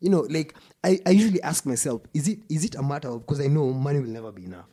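Husky Kenyan man, emphatic talker. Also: on the high side, expressive, racing, dark tone. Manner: emphatic, stop-start delivery with repetition. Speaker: podcast co-host. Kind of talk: casual opinionated discussion, mixing English and Swahili slang.

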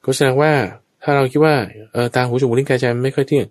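A man's voice: medium pitch, fairly even intonation, quick pace, darkish tone, dry recording, clean studio sound. A man teaching Buddhist Dharma in a conversational way, explaining patiently and checking that his listener understands.

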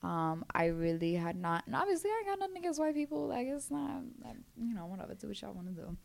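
A woman's voice: a little high, very animated, fast, creaky. A woman from Brooklyn with a Brooklyn accent, talking candidly and casually as an interview guest, blunt and slangy with frequent swearing. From Brooklyn, New York.

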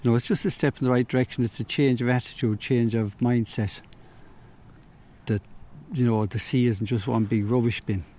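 A man's voice: medium pitch, fairly even intonation, moderate pace, mellow. A middle-aged man, a fisherman reflecting in conversational answers.

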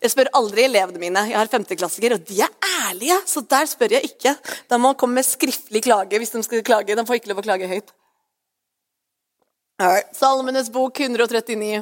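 A woman pastor preaching a sermon in a chatty, conversational way, often asking "right?" and slipping English phrases in. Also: a little high.

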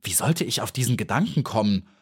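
A man's voice: on the low side, lively intonation, fairly quick, breathy edge. A man voicing a proud, touchy little female bee in an audiobook, speaking indignantly in a raised voice. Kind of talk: audiobook character voice.

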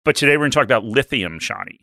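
A man's voice: mid-range voice, expressive, very fast, pushed and bright, no echo. A man, co-hosting an investing podcast with dry jokes and plain explanations. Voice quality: raspy. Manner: dry, joking, then explanatory with figures. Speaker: podcast co-host. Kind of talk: casual investing podcast chat.

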